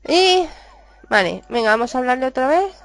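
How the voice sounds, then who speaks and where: A woman from Spain with a Spanish accent, chatting excitedly as she plays a video game and reads its dialogue aloud. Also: high-pitched, normal speed. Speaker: gaming YouTuber. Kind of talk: casual game commentary.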